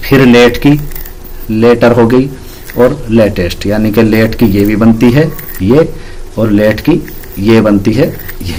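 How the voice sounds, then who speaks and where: A man's voice: on the low side, a little mellow, a little hiss or hum. A man teaching an English grammar lesson, patiently explaining rules and spelling words out letter by letter.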